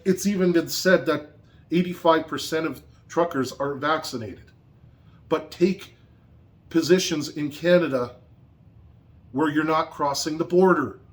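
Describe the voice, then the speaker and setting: A man angrily ranting in a vlog, swearing constantly and repeating points for emphasis. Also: fairly high pitch. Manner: angry, profane, heated. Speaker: vlogger.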